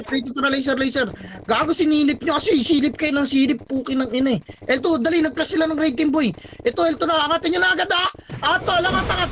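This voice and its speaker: A man leading his squad in live team voice chat during a shooter match, barking rapid commands, counting down and swearing. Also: very high voice, noisy background. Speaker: squad leader calling shots.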